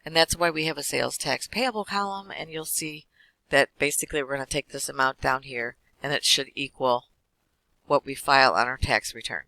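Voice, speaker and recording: A man teaching an accounting class, walking through lecture slides quickly with casual fillers. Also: medium pitch, creaky, pushed and bright, dry recording, low-quality recording. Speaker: accounting instructor.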